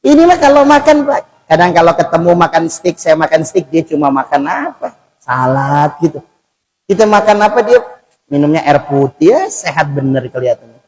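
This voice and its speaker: A man preaches in a mosque, his voice sitting a little high. He talks to the congregation like a neighbor, dropping into soft asides and then rising into loud, emphatic bursts. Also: expressive, moderate pace, poor audio. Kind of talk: mosque sermon.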